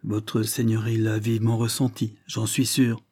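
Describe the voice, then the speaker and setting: A man's voice: fairly low pitch, flat delivery, normal speed, mellow, natural voice. A man voicing a fretful male country lawyer in an audiobook, exclamatory in tone.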